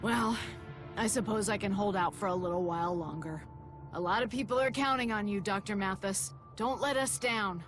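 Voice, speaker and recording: Music plays behind an actress in a video game role as an indignant, outspoken married townswoman collecting herbs. Her mid-range voice keeps a moderate pace, and her lightly acted lines come across as blunt, dramatic and reproachful.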